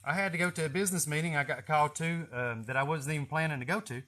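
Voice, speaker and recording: On the high side and quick, his voice is bright and forceful. The snake catcher, speaking with an East Tennessee Southern accent, rambles through coarse, folksy anecdotes and chuckles during a laid-back live video from a greenhouse garden.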